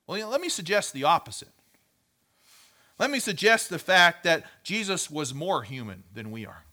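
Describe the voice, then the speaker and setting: A man's voice: a little high, very animated, moderate pace, sharp tone. A man teaching a sermon in a conversational way, often checking in with his listeners and repeating words as he thinks aloud. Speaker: pastor.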